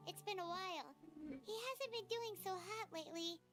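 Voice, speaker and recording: A woman voicing a tiny, excitable female fairy companion in a video game, exclaiming as she talks. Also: very high-pitched, moderate pace. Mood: relieved. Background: game music.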